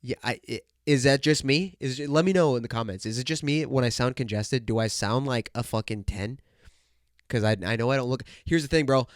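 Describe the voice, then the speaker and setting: Talking a little fast at a medium pitch, this young podcast host jokes around in a hyped solo rant and keeps addressing listeners as "bro" and "dude." A cold leaves him nasal and congested. The sound is clean studio quality with no echo.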